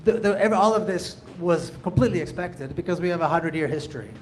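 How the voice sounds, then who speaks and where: A man's voice: high voice, fast talker, slight background noise. A man from Jerusalem, speaking up from the audience in an earnest, emphatic way, often repeating his phrases. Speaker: audience member, activist. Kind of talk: impassioned public comment.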